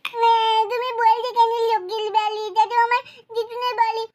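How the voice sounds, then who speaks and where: A woman voicing a sleepy little boy in a doll cartoon, mumbling softly and whining. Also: very high-pitched, flat delivery, normal speed. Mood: whiny. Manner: soft, whiny, mumbling.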